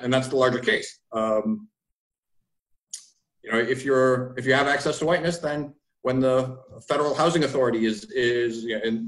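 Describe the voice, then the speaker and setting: A man's voice: medium pitch, fairly bright tone. A man speaking as a historian guest on a video call from a home room, thoughtful and explanatory, often ending points with "right?". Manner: thoughtful, restarts phrases, frequent "right?" tags. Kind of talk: academic discussion on a video call. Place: home room with framed pictures. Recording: roomy video call audio.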